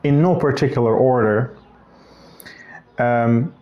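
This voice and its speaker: This vlogger is a man from Bulgaria, probably in his thirties, musing slowly into the camera at a medium pitch on a muffled recording. He rambles reflectively, often breaking off to fix what he just said.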